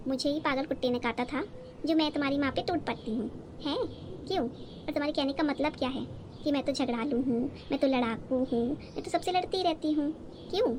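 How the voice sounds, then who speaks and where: Woman doing a high-voiced bickering young wife in a cartoon, sarcastic, always scolding. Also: noisy background, close to an everyday voice. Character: quarrelsome young wife, sharp-tongued and resentful. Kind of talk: cartoon story voice acting.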